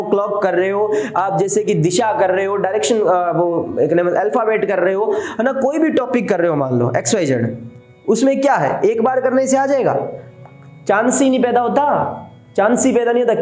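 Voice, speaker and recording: High-voiced teacher, echoey room. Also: male voice, darkish tone. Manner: chatty, asks rhetorical questions, mimics students. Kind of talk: exam-prep lecture.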